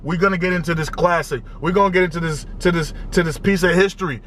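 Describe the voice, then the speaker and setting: A young man hosting a music reaction video, talking casually and excitedly in slangy, repetitive bursts. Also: fairly high pitch, fast talker, a little hiss or hum. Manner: excitable, loud, slangy, repeats himself.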